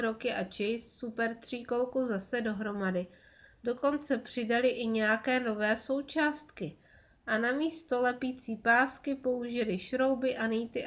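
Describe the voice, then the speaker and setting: A woman reads a children's story aloud in a clear, measured way. Her voice sits a little high and keeps an even storytelling pace. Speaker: audiobook narrator.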